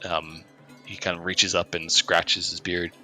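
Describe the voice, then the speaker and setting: Low, very bright-voiced male game master. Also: level tone, unhurried, faint music behind. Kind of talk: narrating a tabletop game.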